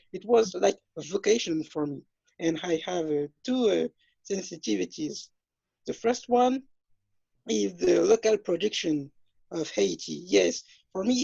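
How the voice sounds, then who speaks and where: Man, twenties, from France, hesitant speech, fillers, husky, lo-fi dull audio. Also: high voice, a little mellow, no echo. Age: 20s. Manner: hesitant, many fillers and restarts. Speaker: interview guest. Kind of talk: self-introduction in an interview. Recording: dull, lo-fi dry sound.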